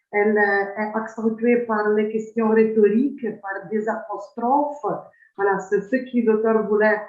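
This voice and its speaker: Woman, slow and halting, roomy dull recording. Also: medium pitch, a little mellow. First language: Ukrainian. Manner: hesitant, many pauses and fillers. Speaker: seminar speaker. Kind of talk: academic explanation of a poem.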